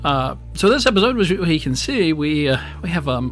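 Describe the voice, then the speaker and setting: Faint music sits behind this streamer and game host, whose weak, strained voice is fairly high and a bit bright, with big pitch swings and a brisk pace. Into a boom-arm desk microphone he offers rambling, casual play-by-play, packed with fillers and restarts.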